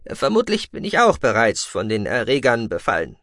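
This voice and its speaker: A man's voice: mid-range voice, wildly swooping pitch, normal speed, a bit bright, no echo, studio quality. A man voicing a nervous but determined male alien doctor in a science-fiction audiobook, talking earnestly. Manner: nervous, then theatrically earnest.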